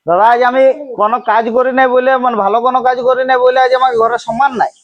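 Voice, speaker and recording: A very high-pitched, quick man's voice. a man playing an aggrieved young son-in-law in an amateur village comedy drama, insistent and hurt, with a Manbhum Bengali accent. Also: fairly even intonation, lo-fi sound.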